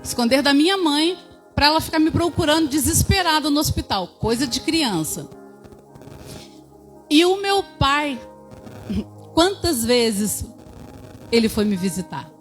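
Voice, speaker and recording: A woman's voice: high-pitched, expressive, unhurried, long pauses, faint music behind. A woman in her fifties giving a church testimony, telling her story and addressing the congregation as brothers.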